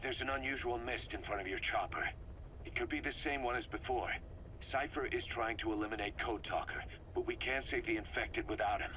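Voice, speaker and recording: Sharp urgent radio operative. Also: male voice, mid-range voice, fairly quick, muffled recording, slight background noise. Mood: urgent, warning. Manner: urgent, commanding. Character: tense, forceful male military radio operative.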